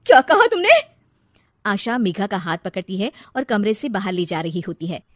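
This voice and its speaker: A woman's voice: mid-range voice, normal speed, no echo, studio quality. Woman narrating a family story. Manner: plain, steady telling.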